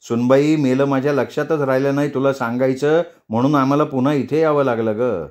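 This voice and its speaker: A man voicing an older mother-in-law who talks slowly, bossily and scolds in a storybook reading. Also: mid-range voice, fairly even intonation, darkish tone, natural voice. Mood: bossy. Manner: bossy, slow and scolding.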